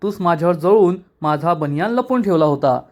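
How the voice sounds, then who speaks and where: A man's voice: on the high side, expressive, a little fast, darkish tone, natural voice. A man reading as a taunting young mechanic. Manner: taunting, mocking. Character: boastful young male garage mechanic, quarrelsome.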